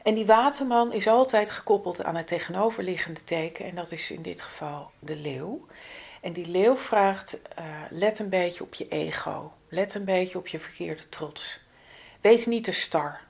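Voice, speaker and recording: A woman with a slightly low voice and plenty of vocal fry delivers a spiritual astrology forecast. She speaks very slowly and gently, in an instructive way. Her phrases often sink into a breathy near-whisper.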